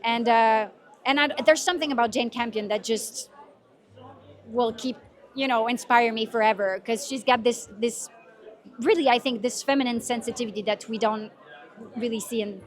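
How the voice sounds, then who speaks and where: A woman's voice: on the high side, fairly even intonation, normal speed. A woman interviewed on a red carpet, gushing with admiration and often searching for her words.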